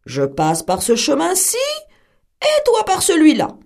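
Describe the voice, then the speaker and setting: Big sly storybook wolf, loud and high-pitched, swooping voice, as a woman reads it. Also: wildly swooping pitch, measured pace, creaky, heavily acted. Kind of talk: storybook reading.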